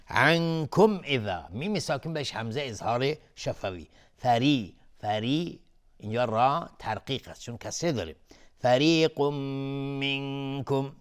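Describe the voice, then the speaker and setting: A man teaching Quran recitation rules on a television lesson, patiently explaining each rule and breaking words into syllables, then chanting the verses slowly in a higher, louder, melodic voice. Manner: alternates plain explanation with slow, raised, melodic chanting of verses.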